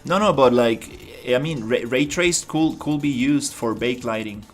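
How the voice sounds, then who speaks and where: Soft music plays behind a man with a mid-range voice who speaks unhurriedly. He's a Costa Rican indie game developer giving casual livestream commentary on his game, rambling and starting over as he thinks out loud.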